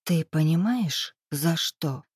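A woman's voice: low voice, animated, slow, a little mellow, slightly rough, no room sound, studio quality, full character voice. Woman reading as a mocking, stern club owner. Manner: mocking, weary, coolly menacing. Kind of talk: audiobook dialogue reading.

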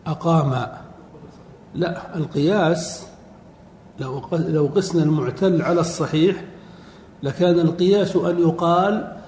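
Slow-speaking man lecturing in an echoey hall. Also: fairly high pitch, darkish tone. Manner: slow, drawn-out words, quizzing his class. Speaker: teacher of Arabic morphology. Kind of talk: classroom lecture. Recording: echoey hall with faint noise.

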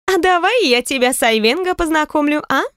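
A pushy, teasing pregnant girlfriend from an audiobook, her voice climbing high and bright with excitement, as a woman narrator puts her on. She talks in a dry, close recording. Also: fairly quick, no echo. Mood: teasing, excited. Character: chatty nosy pregnant young woman friend. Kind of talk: audiobook character reading.

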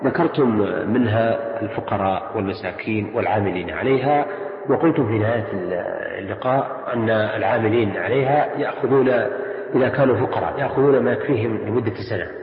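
A man's voice: fairly low pitch, fast, a crowd in the background. A man hosting a program, politely asking questions with frequent hesitant fillers. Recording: dull echoey old radio recording.

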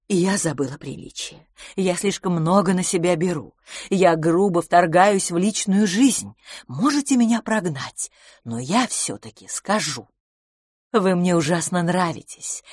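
A woman reading an audiobook, voicing an earnest, timid middle-aged spinster who speaks in a low, hushed, pleading way. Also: slightly rough, dry recording, clean studio sound.

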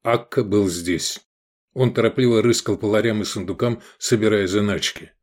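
A man's voice: fairly low pitch, normal speed, a little mellow. A man narrating an adventure audiobook, voicing every character expressively.

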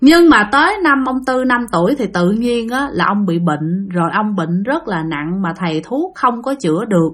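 A woman's voice: mid-range voice, lively intonation, moderate pace, hardly any pauses. A woman with a Southern Vietnamese accent telling a spooky story in a chatty way, speaking directly to her listeners.

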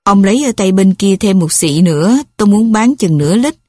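A woman's voice: mid-range voice, lively intonation, a little fast, a little mellow, no echo, clean studio sound, close to an everyday voice. A woman voicing a starving, poor old woman in an audiobook story, speaking weakly and pleading. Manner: weak, pleading.

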